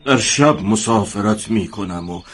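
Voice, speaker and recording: A man voicing a weary traveler who speaks quietly and cautiously to strangers in a storybook tale. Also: on the low side, natural voice. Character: weary male traveler fleeing at night, cautious.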